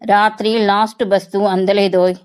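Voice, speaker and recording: A woman's voice: mid-range voice, little pitch movement, moderate pace, darkish tone, smooth, lightly acted. A woman voicing a middle-aged father who dotes on his son, in a plain read-aloud character voice. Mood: fond.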